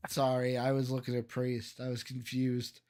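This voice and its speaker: A man's voice: medium pitch, completely flat delivery, normal speed, darkish tone. A man from Chicago co-hosting a live reaction stream, rambling in casual banter with lots of fillers. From Chicago, USA. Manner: rambling, hesitant, frequent fillers. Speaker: co-host.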